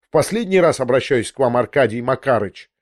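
A man's voice: mid-range voice, expressive, brisk, no echo, studio quality, natural voice. A man reading an audiobook, voicing a proud, indignant lady who speaks sharply and reproachfully.

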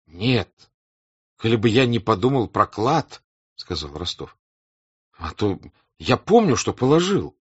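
An earnest young cadet, as a male narrator plays him talks in a strained, halting voice. The tone is husky and the recording is dull and dry. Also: on the low side, big pitch swings, a little mellow, no echo, exaggerated voice. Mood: tense.

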